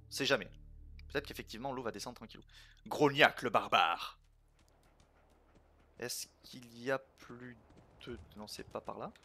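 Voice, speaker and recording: A man's voice: mid-range voice, moderate pace, pauses often, sharp tone, faint music behind. A man streaming a video game, chatting casually and thinking aloud with lots of fillers and playful jokey asides. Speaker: let's play streamer. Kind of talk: casual gameplay commentary.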